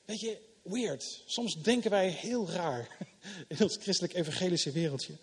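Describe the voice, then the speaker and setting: Husky-voiced pastor preaching in a reverberant hall. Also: male voice, high-pitched, measured pace. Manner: conversational preaching, swinging between loud emphasis and soft asides. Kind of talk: sermon. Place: church hall.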